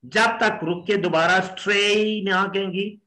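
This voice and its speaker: A man's voice: sits high, steady tone, slow, sharp tone. A middle-aged man with a Pakistani accent teaching pronunciation, patiently repeating words to drill them. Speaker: English teacher. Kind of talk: pronunciation lesson. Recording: echoey room.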